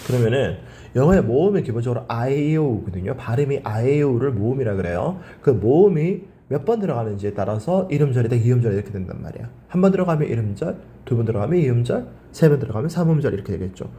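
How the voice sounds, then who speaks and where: A man's voice: mid-range voice, big pitch swings, quick pace, hardly any pauses, dark tone. A male teacher giving a grammar lecture. He asks his class questions, answers them himself and drills the words by repeating them.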